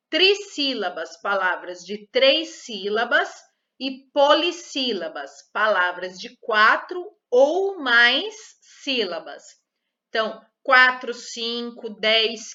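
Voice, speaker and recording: A woman teaching a third-grade lesson, repeating each word and counting its syllables with slow care. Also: on the high side, sharp tone. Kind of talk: slow, careful classroom lesson. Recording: dull lo-fi recorded lesson.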